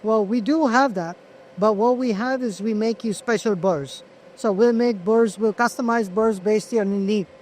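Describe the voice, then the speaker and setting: A man being interviewed as a manufacturer, explaining products conversationally in a halting way, with repeated words. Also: high voice, a little mellow, rough recording. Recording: clear ambient noise on location.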